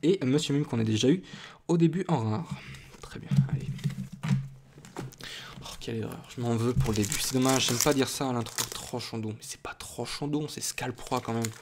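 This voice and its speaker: Male host, casual unboxing chatter, rambling and self-mocking, everyday mid-pitched voice. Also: fast talker, background noise. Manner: chatty and rambling, listing card names, self-deprecating asides. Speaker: YouTube card-opening host. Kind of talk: casual booster-opening commentary.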